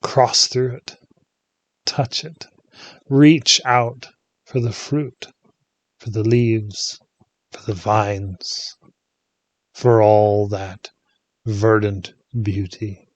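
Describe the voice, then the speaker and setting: A man guides a meditation in a soothing, hushed voice, fairly low and steady, leaving long pauses between short phrases. There's no echo.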